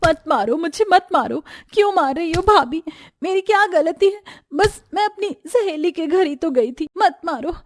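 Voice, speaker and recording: A woman voicing a frightened young woman in a cartoon story, pleading in high cries. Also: expressive, normal speed.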